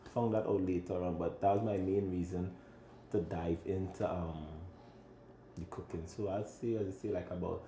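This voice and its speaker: A Trinidadian man in his thirties with a very low, deep voice talks in an easygoing way, laughing often. The room is echoey, and there is a faint hum of background noise. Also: steady tone, moderate pace, warm tone. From Trinidad and Tobago. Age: 30s. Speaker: chef and restaurant owner. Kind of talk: casual interview chat.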